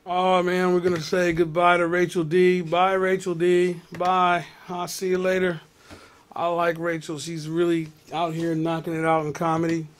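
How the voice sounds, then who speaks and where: A man's voice: sits high, monotone, moderate pace. A comedian hosting a live web show, riffing on news stories and talking straight to his viewers in a casual, exasperated way.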